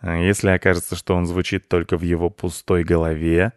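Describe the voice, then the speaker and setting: A man voicing a grumpy, belligerent male companion who grumbles gruffly. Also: sits low, level tone, brisk, no echo, clean studio sound, natural voice. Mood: grumbling.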